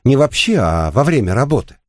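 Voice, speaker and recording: A frightened young woman courier, tense and pleading, voiced higher with a lively lilt, as a male reader puts her on. Close, dry sound. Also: fairly quick, dry recording.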